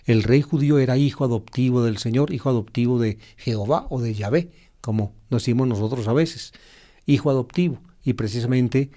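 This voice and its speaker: Mellow-voiced priest explaining scripture. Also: male voice, medium pitch, a little fast. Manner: explanatory, teacherly, with frequent fillers and restarts; repeats key phrases for emphasis. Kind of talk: gospel reflection sermon.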